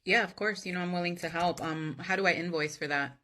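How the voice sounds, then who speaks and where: A woman's voice: fairly low pitch, fairly even intonation, fast talker, pushed and bright. A woman playing an assertive, sardonic office employee in a workplace comedy skit, speaking firmly, bluntly and with sarcasm. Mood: matter-of-fact, firm. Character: assertive, sardonic female office employee who refuses unpaid work.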